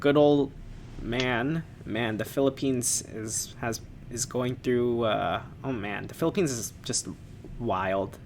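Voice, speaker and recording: A man's voice: mid-range voice, slow, darkish tone, a little hiss or hum. A man co-hosting a casual podcast, talking in a loose, rambling way. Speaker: podcast co-host. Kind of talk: casual chat.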